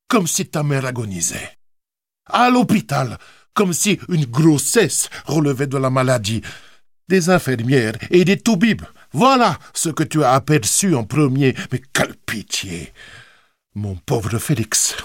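A man's voice: medium pitch, studio quality. A man reading an audiobook, voicing a blunt, scornful uncle with a cavernous voice and a mocking, emphatic delivery. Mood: pitying. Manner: mocking, emphatic, swings from loud to hushed. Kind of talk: audiobook character voice.

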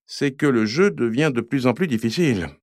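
A man's voice: mid-range voice, lively intonation, moderate pace, a little mellow, no room sound, studio quality, close to an everyday voice. A man doing a worried young boy. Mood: urgent. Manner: urgent, worried. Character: anxious young boy, the sensible friend.

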